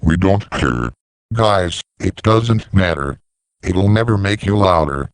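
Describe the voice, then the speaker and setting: A man voicing scripted dialogue for an animated story about talking machines. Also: low-pitched, takes it slowly, clear, resonant tone, no echo. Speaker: voice of talking siren characters.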